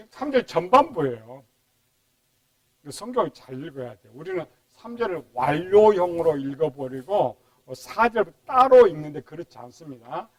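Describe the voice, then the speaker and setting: A man's voice: a little high, no echo, poor audio. A male pastor preaching a midweek sermon, asking rhetorical questions and mimicking complainers.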